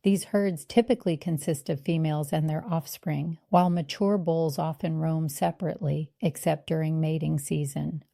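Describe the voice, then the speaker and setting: A woman delivers scripted nature documentary narration with earnest, measured polish. Her voice is dark and relaxed, with a noticeable fry, captured very dry and close. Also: low voice, no room sound.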